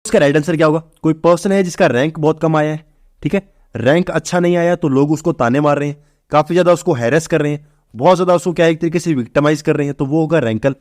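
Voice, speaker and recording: Young guy rattling thru a vocab lesson super fast, kinda high voice, dry close sound. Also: a little mellow, no room sound. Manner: brisk, repetitive, asks and answers his own questions. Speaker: vocabulary teacher. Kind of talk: exam-prep vocabulary lesson.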